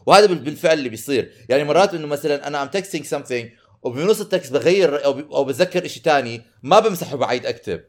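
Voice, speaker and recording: A man's voice: on the high side, lively intonation, racing. A man with a Levantine Arabic accent chatting casually in a mix of Arabic and English, talkative and often repeating and rephrasing himself.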